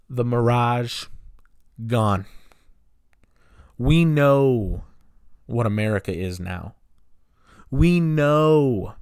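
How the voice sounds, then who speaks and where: A man's voice: mid-range voice, clean tone, no room sound, clean studio sound. A man in his twenties hosting a solo podcast, talking with frustration and firing off rhetorical questions. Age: 20s. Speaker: podcast host.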